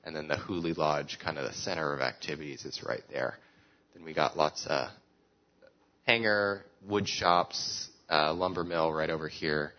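Very deep-voiced man presenting, muffled recording. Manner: halting, loosely conversational. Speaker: presenter for a summer camp. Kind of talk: informal slideshow presentation. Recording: dull, muffled lo-fi sound.

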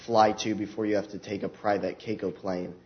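A man's voice: lowish voice, level tone, brisk. A man giving an informal presentation as a co-presenter. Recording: dull sound with faint background noise.

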